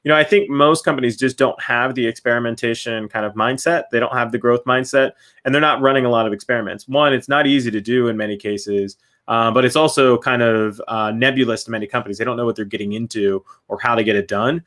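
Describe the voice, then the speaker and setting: A man's voice: mid-range voice, fairly even intonation, fast talker, fairly bright tone. A man, a company CEO, answering interview questions loosely with many fillers.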